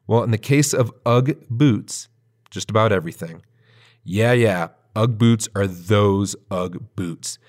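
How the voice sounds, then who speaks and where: A man's voice: on the low side, a little mellow. A man hosting a podcast, narrating a scripted introduction and then interviewing a guest. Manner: measured storytelling narration. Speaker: podcast host.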